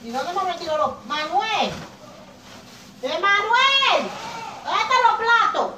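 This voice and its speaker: A woman's voice: extremely high pitch, animated, takes it slowly, distant mic. Woman, party hostess, bustling and calling to kids; echoey room with chatter noise. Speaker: hostess serving cake. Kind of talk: casual talk at a party. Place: small home kitchen at a party. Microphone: far handheld camera.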